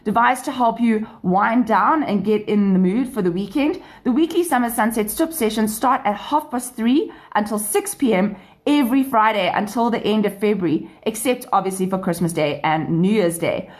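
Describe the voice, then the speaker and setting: A woman's voice: mid-range voice, normal speed, a little mellow. South african lady doing an upbeat radio show, enthusiastic host chat, mid-range voice. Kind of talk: upbeat presenting, part scripted news, part chat.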